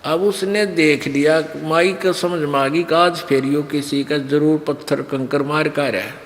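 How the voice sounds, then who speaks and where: Slow preacher man in a hall. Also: a little high, fairly even intonation, a little hiss or hum. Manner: slow, dramatic retelling with acted quotes. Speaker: spiritual preacher. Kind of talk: storytelling sermon. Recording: long hall reverb.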